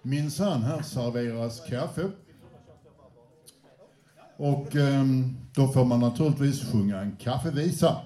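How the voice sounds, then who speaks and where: Man, band frontman, live stage announcements, chatty, warm tone, echoey room. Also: medium pitch, long pauses. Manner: chatty, anecdotal, slight hesitations. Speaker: band frontman introducing songs. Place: indoor venue with a live audience. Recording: roomy echo.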